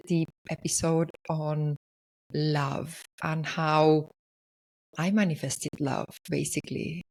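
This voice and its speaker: Low-voiced woman from Argentina hosting a podcast. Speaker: podcast host. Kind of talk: personal storytelling monologue.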